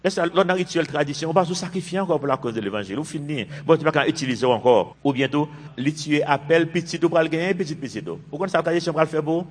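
A pastor in his fifties delivers a sermon, driving his points home by repeating phrases. His voice sits a bit high for a man. It rings out with the long reverb of a large church hall. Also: fast talker, husky. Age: 50s. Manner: emphatic preaching with repeated phrases.

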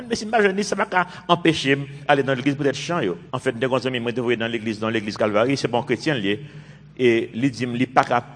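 A pastor in his fifties preaches a sermon, leaning on emphatic, repeated phrases. His medium-pitched voice moves a little fast, carried by the long reverb of a large hall.

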